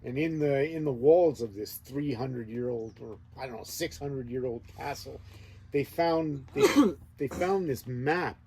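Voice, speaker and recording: A man's voice: mid-range voice, unhurried, dark tone, breathy edge, poor audio. A man telling a meandering story in a laid-back, casual way. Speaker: host. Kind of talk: casual chat. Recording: faint background noise.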